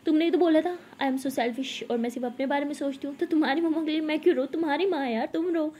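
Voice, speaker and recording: A blunt, bossy young woman who calls herself a devil, as a woman storyteller puts her on. Her voice sits high with a mellow, soft-edged tone, and she talks like she is giving orders. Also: fast talker, a little hiss or hum, close to an everyday voice. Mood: teasing defiant. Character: tough, strong young woman, self-styled devil.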